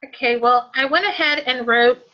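A woman's voice: high voice, normal speed, highs cut off. Emotional hesitant woman in her forties. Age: 40s. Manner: emotional, hesitant with many ums. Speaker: guest sharing a testimonial. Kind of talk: personal story told on a call.

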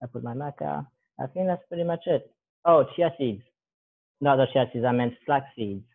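A gravelly, mid-range male voice at normal speed comes through thin, phone-like audio. The guest, in his thirties, rambles through a recipe in a relaxed cooking demo, correcting himself as he works with his hands. He's indoors in a large, bare room with a counter.

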